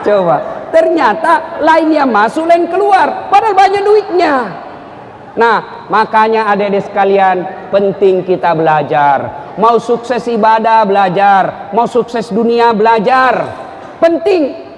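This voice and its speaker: Man preaching, very high voice, lively storytelling, long hall reverb. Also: slow pace. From South Sulawesi, Indonesia. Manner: animated storyteller, acts out characters, jumps between high and low pitch. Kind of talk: humorous sermon with anecdotes. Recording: hall reverb, faint noise.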